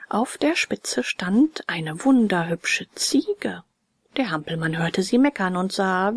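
A woman reading a children's fairy tale aloud in a hushed, half-whispered voice. Her tone is husky with a gravelly texture, and the recording is close and dry. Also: medium pitch, no echo. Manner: hushed, often whispery narration. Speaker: narrator. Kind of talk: storybook reading.

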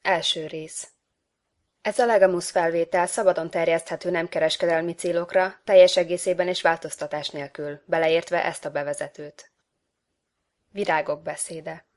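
Measured woman reading literary prose. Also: fairly low pitch. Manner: measured, expressive, varied phrasing. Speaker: audiobook reader.

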